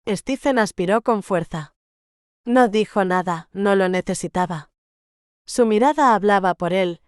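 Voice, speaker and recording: A woman narrating a romance novel audiobook in a measured, gentle storytelling manner. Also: medium pitch, smooth, no echo, clean studio sound.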